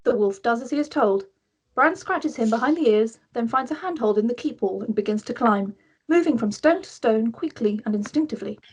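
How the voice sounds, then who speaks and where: Heard on a low-quality recording, a woman narrates a screenplay's directions at a table read in a scripted storytelling manner, her slightly high voice carrying a husky, breathy grain.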